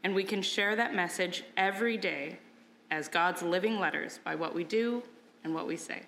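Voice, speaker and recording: A woman's voice: on the low side, moderate pace, creaky, fairly bright tone, slight background noise. A woman giving an informal, conversational children's sermon, explaining things simply. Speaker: children's message speaker.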